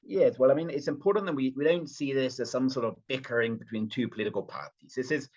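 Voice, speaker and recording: Talking fast in a mid-range, slightly mellow voice, a party official from Britain guests on a remote podcast. His British accent has a hint of Venezuelan influence, and although fluent he uses many fillers and restarts. The sound is lo-fi.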